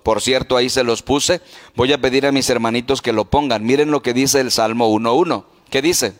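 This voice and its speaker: A man's voice: medium pitch, fairly even intonation, a little fast, in a large hall. A man preaching a sermon as pastor, putting questions to the congregation.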